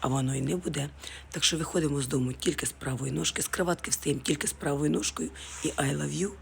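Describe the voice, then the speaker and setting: A woman's voice: low voice, fast talker, creaky, a little hiss or hum, low-quality recording. A woman chatting affectionately to her viewers in a casual morning vlog while getting dressed at home. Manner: drops to a whisper at times. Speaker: vlogger.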